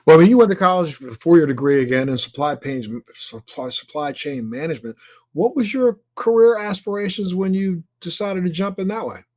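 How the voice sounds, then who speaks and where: Male podcast host, a bit high-pitched, upbeat, repeats his questions. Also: animated, fairly quick, a little mellow. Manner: eager, piles up repeated questions. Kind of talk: casual interview.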